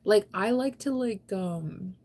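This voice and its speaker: Her warm, mid-range voice is expressive and slow-paced. She's an American live streamer in her thirties, casually chatting late at night, reading and replying to viewer comments with a playful, rambling, self-teasing style.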